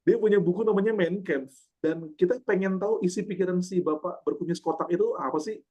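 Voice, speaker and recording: A man in his twenties, a guest speaker giving a lively, joking talk in casual colloquial speech. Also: sits high, normal speed. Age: 20s. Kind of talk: casual religious talk to an online audience.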